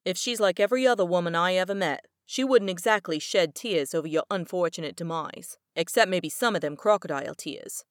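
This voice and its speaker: A woman's voice: lowish voice, brisk, hardly any pauses, dry recording, studio quality, natural voice. A woman reading the lines of a callous, hard-boiled male detective with blunt, slangy talk.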